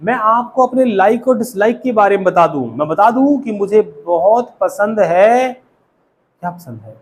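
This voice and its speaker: With a high, animated voice and a slightly slow pace, an Indian-accented man teaches spoken English. Quizzing the students often, he has them repeat after him.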